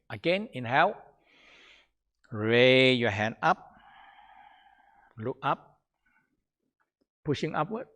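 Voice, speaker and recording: A man leading a Taoist breathing exercise and teaching, calm and repetitive, often trailing off softly at the ends of phrases. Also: mid-range voice. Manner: slow, calm, repetitive, chanting phrases in a dropping soft voice. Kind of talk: guided breathing exercise instruction.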